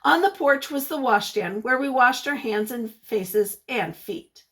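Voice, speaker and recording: Acting as a teacher, a woman reads a picture book to young listeners in a slightly high voice. She's animated and encouraging, pausing to ask them questions.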